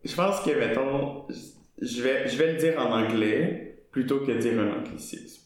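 A man's voice: medium pitch, measured pace. A young man with a Québécois French accent, answering interview questions casually and hesitantly, with many fillers and restarts. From Quebec. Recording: very echoey room.

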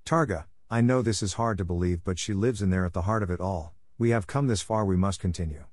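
A man reading aloud and voicing a calm, earnest young half-elf woman in a fantasy tale. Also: sits low, fairly quick, no echo, natural voice.

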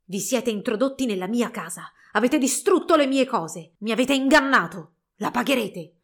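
A woman voicing an obsessive, vengeful old male inventor in a storybook reading, speaking loudly and exclaiming. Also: medium pitch, lively intonation, unhurried. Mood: furious.

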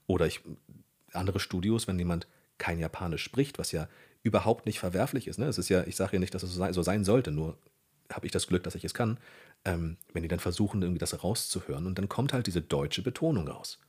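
A man, a guest on a podcast, explaining how he directs dubbing in an animated way that often corrects itself mid-sentence. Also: low-pitched, fairly quick, breathy edge. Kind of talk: casual podcast interview.

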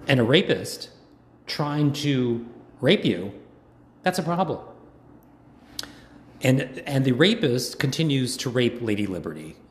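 A hoarse man giving a rambling, indignant political monologue, full of ums and uhs. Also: mid-range voice. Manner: rambling, indignant ranting with many fillers. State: hoarse from long talking. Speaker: political commentator. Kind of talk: casual monologue. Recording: echoey room, faint background noise.

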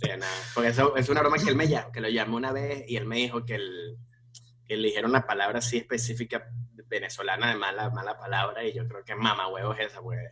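A man's voice: lowish voice, fast, slight background noise. A man, a stand-up comedian, talking casually with lots of restarts and fillers. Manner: animated, many restarts and fillers. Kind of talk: casual conversation.

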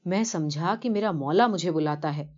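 Woman voicing a humble old pilgrim man for a story reading, lowered voice, earnest and slow, dull lo-fi sound. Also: a little mellow, lightly acted. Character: poor elderly man, devout pilgrim, humble. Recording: dull lo-fi recording.

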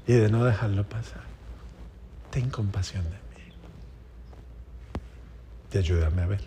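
A man preaching a homily at mass, telling a story that rises to loud emphatic peaks and drops to soft, low phrases. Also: a little hiss or hum. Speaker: priest. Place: church.

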